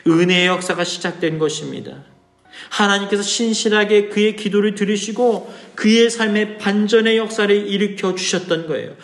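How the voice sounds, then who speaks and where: A man's voice: high-pitched, normal speed. A pastor preaching a sermon, asking his congregation rhetorical questions and pleading with feeling as he voices the psalmist. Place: church hall. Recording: echoey church with soft music behind.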